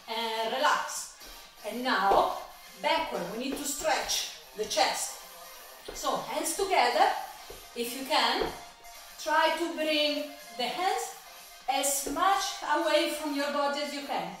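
A woman's voice: high voice, a bit bright. A woman instructor leading a guided exercise class, encouraging and counting repetitions aloud. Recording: echoey room, from far off, faint music.

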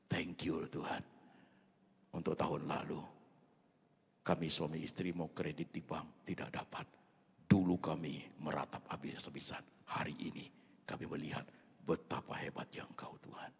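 A man preaching a sermon as a pastor, mixing in English phrases and swinging between loud bursts and soft near-whispers. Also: a bass voice, creaky, breathy edge. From Indonesia. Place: large church hall. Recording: long reverb of a large church hall.

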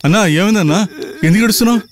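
A man's voice: high-pitched, rapid-fire, close to an everyday voice. An actor playing a worried, nervous henchman who anxiously questions his boss in a dubbed film comedy. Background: loud film score music.

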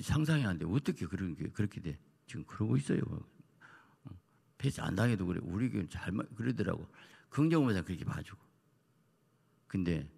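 A man's voice: deep voice, vocal fry, dark tone, breathy edge. A middle-aged male pastor giving a rambling, conversational early-morning sermon full of personal stories. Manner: rambling, personal storytelling with asides. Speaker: senior pastor.

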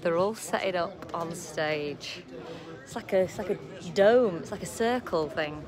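A woman's voice: fairly low pitch, a little slow, crowd noise. A woman musician chatting casually to camera in a tour vlog, upbeat and talking straight to her viewers. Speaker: touring musician vlogging.

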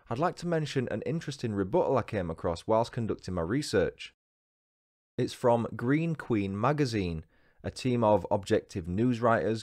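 A Northern English man from England hosts a true crime podcast, his voice low and darkish. He reads from his script and slips in dry, wry asides.

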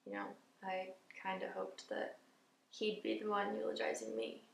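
A young woman acting a dramatic monologue as a grieving, tender young woman eulogizing her beloved, with halting, emotional delivery. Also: medium pitch, level tone, gravelly, a little hiss or hum. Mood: tender grief. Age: young adult. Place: indoor studio with dark backdrop. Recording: roomy echo, slightly distant mic.

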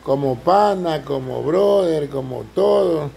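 A man's voice: a little high, expressive, takes it slowly, vocal fry, dark tone, breathy edge, low-quality recording. A man speaking to the camera at home, giving joking, preachy advice and acting out the voices of the people he quotes. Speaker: vlogger. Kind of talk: casual advice monologue to camera.

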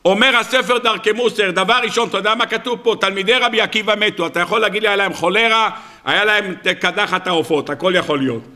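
A man, a rabbi, giving a weekly sermon full of animated humorous stories with sudden jumps in his voice. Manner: animated storytelling with sudden pitch jumps and asides.

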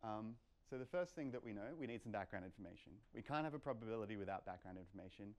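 With a lowish voice, animated and fast, a young man presents informally as a meetup lecturer in an indoor lecture room. He explains things emphatically and throws out rhetorical questions.

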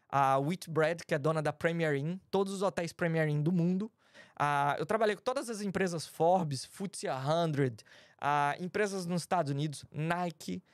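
A man from Brazil, a podcast guest, telling stories in a casual, animated, slangy way. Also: a little high, no echo, clean studio sound. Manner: animated, acts out quoted dialogue, slangy. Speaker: podcast guest, design lead. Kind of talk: casual storytelling chat.

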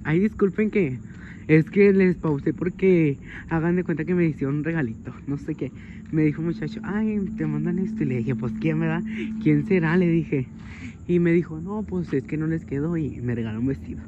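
A man's voice: fairly high pitch, moderate pace, natural voice. A man playing a vain, flirty woman. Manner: gushing, self-admiring, keeps saying how embarrassed she is. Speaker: comedian. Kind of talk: character comedy vlog. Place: outdoors on a street by a shop. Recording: dull lo-fi with loud outdoor noise.

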